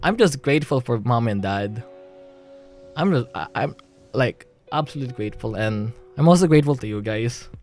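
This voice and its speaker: A young Filipino man streams live in a rambling, emotional monologue, often restarting and laughing nervously. His mid-range voice is animated and a little mellow, moving at a moderate pace. Faint music plays in the background.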